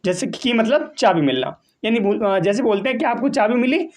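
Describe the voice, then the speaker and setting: A man teaching English vocabulary, explaining slowly and patiently, repeating and spelling out each word. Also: sits high, lively intonation. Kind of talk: vocabulary lesson.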